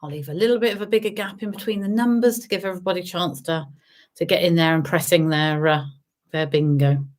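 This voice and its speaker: A woman's voice: fairly low pitch, quick pace. A woman working as a bingo caller, hosting an online game with sing-song, repeated number calls and chatty, teasing asides to the players. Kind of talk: bingo calling with traditional rhyming number calls and chat to players.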